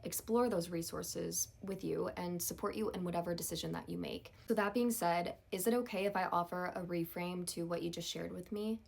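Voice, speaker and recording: A woman playing a therapist in a role-play, talking in a calm, measured, reassuring way. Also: fairly low pitch, gravelly, slightly rough. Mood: calm, supportive.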